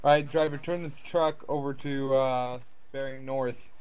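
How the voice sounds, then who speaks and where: A man's voice: mid-range voice, fairly even intonation, unhurried, a little mellow. A man acting as tank commander in a military game, giving clipped fire commands over voice chat. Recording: clear background noise, game gunfire.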